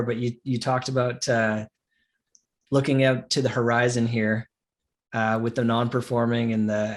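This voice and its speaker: Podcast co-host guy, rambly question, normal pitch. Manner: loose, halting questions. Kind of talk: casual interview chat.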